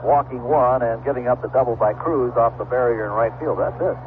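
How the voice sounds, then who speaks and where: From a ballpark broadcast booth, a man calls baseball play-by-play live at a brisk pace and medium pitch. The 1970s radio broadcast sounds noisy and tinny.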